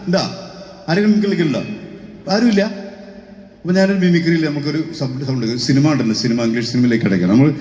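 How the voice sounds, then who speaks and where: A man hosting a mimicry act on stage, teasing the audience with quick questions. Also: on the high side, a little mellow. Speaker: stage mimicry artist and host. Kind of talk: lively stage chat with the audience. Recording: echoey hall with faint music.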